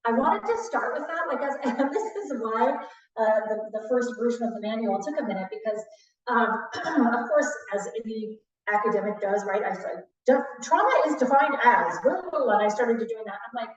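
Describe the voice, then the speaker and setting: A woman's voice: a little high, moderate pace. A woman instructor leading a live trauma training class, talking the group through ideas and often checking in with "right?". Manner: warm teacherly, frequent "right?" check-ins. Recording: distant echoey dull room audio.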